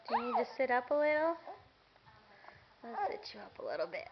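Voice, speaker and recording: A woman's voice: on the high side, heavy background noise. A woman cooing at her baby in sing-song baby talk, recorded on an old camcorder at home. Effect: old camcorder audio. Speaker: parent filming her baby. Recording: dull lo-fi camcorder sound.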